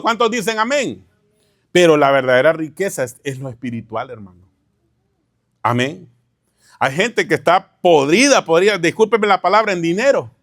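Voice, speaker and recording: Pastor guy preaching in church, bit high voice, keeps going "hermano?" at the crowd. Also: a bit bright, no echo, studio quality. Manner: peppers lines with "hermano" and rhetorical questions. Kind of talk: teaching sermon.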